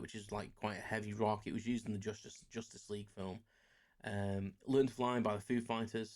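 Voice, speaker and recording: With a fairly low pitch and a darkish tone, a man of about forty from England hosts a one-person podcast. His chat is relaxed and meandering, laced with self-mockery and frequent fillers.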